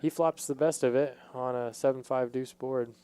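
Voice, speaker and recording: A man commentates a poker game casually, in a relaxed, warm tone. His voice is smooth and clear, and he pauses and hesitates as he thinks each hand through. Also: medium pitch.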